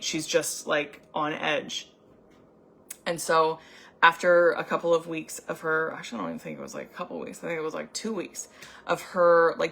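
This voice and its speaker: A young adult woman, an anxiety coach, telling a personal story in a chatty, animated way with many filler words. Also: lowish voice, a little hiss or hum. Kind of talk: casual storytelling vlog.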